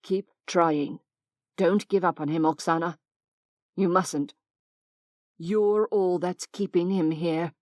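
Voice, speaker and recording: A woman voicing a wounded male vampire, hoarse and croaking, talking in a strained, grating way. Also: fairly low pitch, fairly even intonation, slow, long pauses, a little mellow, no echo, clean studio sound.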